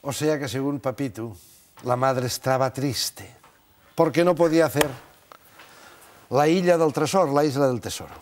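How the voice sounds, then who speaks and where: Wry TV host. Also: male voice, mid-range voice, normal speed, pauses often, slight background noise. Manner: ironic, wry. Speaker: talk show host. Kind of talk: TV studio interview. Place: TV studio.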